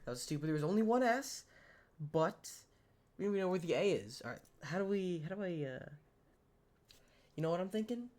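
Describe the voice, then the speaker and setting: A man whose voice is hoarse from a cold, rambling in a casual, self-deprecating way while commenting on a word game. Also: sits high, expressive, moderate pace, pauses often, a little mellow. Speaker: gaming channel host.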